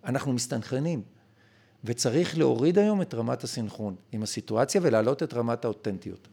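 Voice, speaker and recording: Gravelly man explaining emphatically. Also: medium pitch, animated, dark tone. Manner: emphatic, lecturing. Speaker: guest. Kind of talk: conversational explanation.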